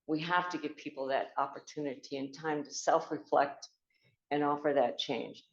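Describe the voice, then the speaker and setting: An older woman from the United States tells a personal story in a very low voice. She speaks earnestly and haltingly, full of fillers and restarts. The recording is echoey and a little dull. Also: fairly even intonation. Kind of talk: reflective spoken storytelling.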